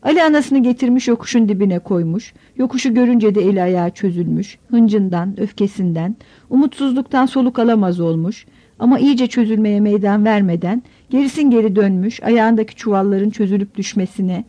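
Woman, audiobook narration, measured storytelling, dark warm tone, muffled recording. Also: mid-range voice. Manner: measured storytelling, voicing characters. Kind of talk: scripted narration of a novel.

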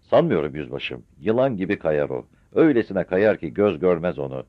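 A man's voice: low voice, big pitch swings, moderate pace, no echo. A man voicing a seasoned gendarme sergeant, matter-of-fact and respectful, in a dull, dry old radio recording. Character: seasoned male gendarme sergeant, calm and knowing.

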